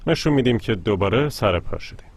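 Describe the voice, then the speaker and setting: A man's voice: on the low side, lively intonation, breathy edge. An actor playing a polite, businesslike young businessman in a dubbed drama. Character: confident young businessman managing a company project.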